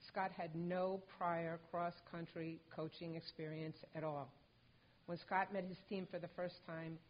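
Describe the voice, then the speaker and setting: Standing at a lectern on stage in a big indoor hall, an older woman reads a prepared tribute as she accepts a hall of fame honor for her late son. She speaks in a fairly low voice, composed and measured. The sound, picked up by the lectern mic, is dull and lo-fi.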